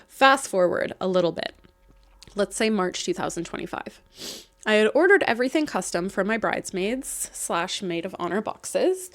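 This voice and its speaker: A woman casually reading stories aloud and breaking in with chatty, animated asides to the viewer. She sounds slightly croaky. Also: mid-range voice, normal speed. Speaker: host reading and reacting to online stories.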